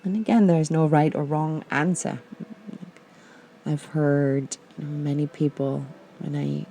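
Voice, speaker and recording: Soft-spoken woman from Austria, gravelly tone. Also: a bass voice. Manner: slow, gentle, hesitant with many fillers. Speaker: podcast host. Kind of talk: guided reflection and personal talk.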